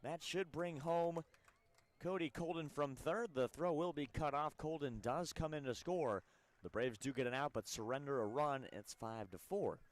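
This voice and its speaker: A young man calling baseball play-by-play in a chatty, easygoing way. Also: fairly high pitch. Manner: chatty, quick to laugh, calls the action crisply. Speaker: play-by-play announcer. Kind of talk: radio baseball commentary.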